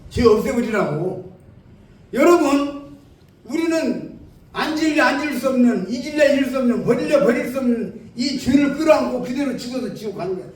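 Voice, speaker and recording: A lay preacher with a very high, animated voice delivers a plain-spoken evangelistic sermon at a moderate pace, often putting questions to his listeners. He's in a church hall, recorded on a distant mic with heavy echo and faint noise.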